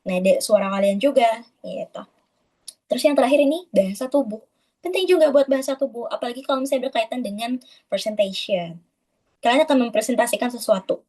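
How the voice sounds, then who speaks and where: A woman teaches a webinar in a chatty, friendly way. She talks quickly in a somewhat high voice, often turning to her listeners as friends. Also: rough recording. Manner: chatty, addresses listeners as friends, demonstrates flat and lively delivery. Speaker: webinar speaker. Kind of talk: casual instructional talk.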